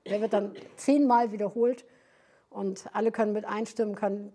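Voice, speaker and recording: A woman's voice: medium pitch, mellow, husky. A woman teaching a session at a prayer house, explaining step by step and often searching for words with fillers and restarts.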